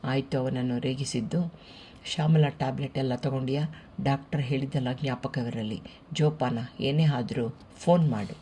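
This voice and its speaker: A storyteller voicing a mother in a family audiobook, brisk and chiding toward her son. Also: very deep voice, steady tone, dark tone, slight background noise. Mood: fussing. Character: older mother, brisk and scolding.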